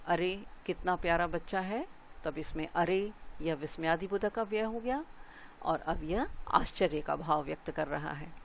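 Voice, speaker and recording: A woman with a fairly low voice teaches a grammar lesson at an unhurried pace. She reads each example sentence, then stops to explain it. A faint hiss sits under the recording. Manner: explains slowly, pausing to point out each example.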